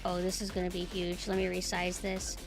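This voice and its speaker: A woman's voice: on the low side, completely flat delivery, fairly quick. A woman streamer hosting a casual live-stream chat, talking informally and thinking aloud as she goes. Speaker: streamer, VTuber host. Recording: music behind the voice. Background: background music.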